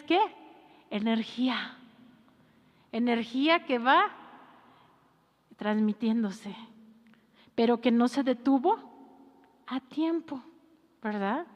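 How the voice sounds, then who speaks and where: Animated woman preaching in a hall. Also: a little high. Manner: animated preaching, acts out scolding voices. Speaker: pastor. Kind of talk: sermon. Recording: reverberant hall, dull lo-fi sound.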